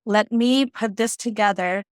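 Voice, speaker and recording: An unhurried mid-range voice, dry recording: a Fijian woman who works as a financial strategist, guesting in a casual interview. She recounts her story reflectively and often drops in "right?" and "you know".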